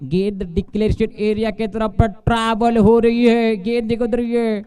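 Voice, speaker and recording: A man giving excited live cricket commentary in Hindi mixed with English phrases, building to loud exclamations on big shots. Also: high-pitched, a little slow, smooth. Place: live at a local cricket tournament.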